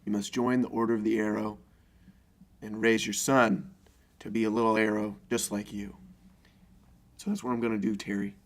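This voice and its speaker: A man's voice: fairly low pitch, little pitch movement, normal speed, pauses often, lightly acted. A man acts out a stern scout father in an improvised comedy sketch. He is pompous and solemn, instructing his young son as if it were a grave duty.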